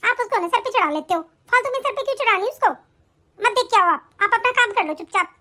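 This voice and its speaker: A woman voices a spoiled young sister-in-law in an animated family drama. She talks in a demanding, whiny way, and her voice is pitched very high, close to a child's. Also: fast, a little hiss or hum, heavily acted. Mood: complaining. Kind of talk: animated story voice acting.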